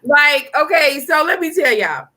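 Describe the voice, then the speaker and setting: Bright-voiced blunt woman co-host. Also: sits high, big pitch swings, measured pace, poor audio. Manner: blunt, joking, talks to viewers directly. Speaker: mother. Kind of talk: casual chat show.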